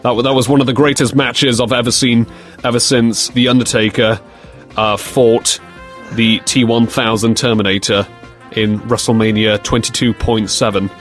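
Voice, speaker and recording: Young British male co-host, rambling comic delivery, mid pitch, light music bed. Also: little pitch movement, normal speed. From Britain. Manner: jokey, rambling, many fillers and restarts. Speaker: co-host of a fan series Q&A. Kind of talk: casual Q&A chat.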